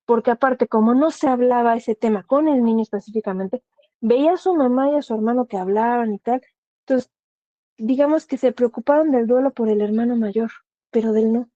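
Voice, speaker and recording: A woman explains things earnestly, her voice pitched a little high with a soft, mellow tone. She speaks in a dry, close-miked sound that is a bit dull and lo-fi. She often poses questions and then answers them herself. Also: brisk, no room sound. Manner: earnest, advising directly, frequent rhetorical questions. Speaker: thanatologist. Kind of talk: explanatory talk.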